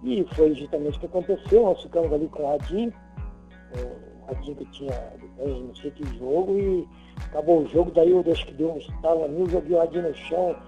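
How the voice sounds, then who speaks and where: An older Brazilian man with a very dark, soft-edged and creaky voice. He reminisces haltingly in a casual interview, in slightly muffled sound with faint music. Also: a little high. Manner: halting, repeats words as he recalls. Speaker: former footballer being interviewed.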